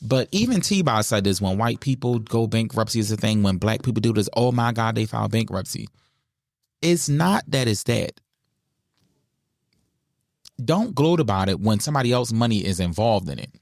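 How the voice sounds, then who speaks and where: Man, low and gravelly, dry close mic; blunt opinionated podcast co-host. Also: normal speed, no echo. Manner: blunt, opinionated, animated ranting. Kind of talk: casual reality-TV gossip chat.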